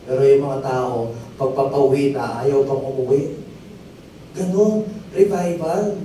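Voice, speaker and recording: A man of medium pitch and dark tone preaches a little slowly, acting as pastor. Again and again he prompts the congregation for "amen," his testimony stories rising to forceful peaks. Audio is captured from afar in a strongly echoing hall, with faint noise.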